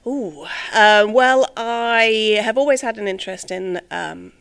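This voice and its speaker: A woman's voice: mid-range voice, takes it slowly, gravelly, fairly bright tone, clean tone. A middle-aged woman born in England and raised in the United States, chatting as a podcast guest and explaining things with frequent hesitant fillers. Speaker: company employee, guest. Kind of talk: casual podcast interview.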